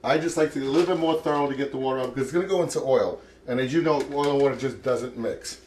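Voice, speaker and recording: Very fast and a little mellow, this mid-range male voice comes with slight hiss or hum. He's an older man running a relaxed cooking demo from his home kitchen, chatty and encouraging toward viewers as he cooks.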